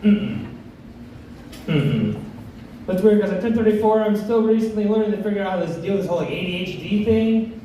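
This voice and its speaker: Talking a little fast with frequent pauses, this thirty-something comedian uses a high-pitched, animated, warm voice for his crude, self-deprecating routine. The club recording is echoey, noisy, distant and dull-sounding.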